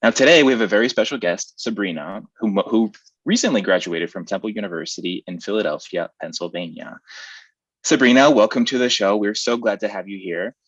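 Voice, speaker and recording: Deep-voiced young man hosting a live stream. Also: a little fast, husky, no room sound, dull audio. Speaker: host.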